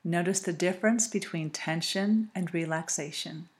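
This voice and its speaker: A woman reading a calm, scripted guided relaxation, speaking slowly and soothingly with long pauses. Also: lowish voice.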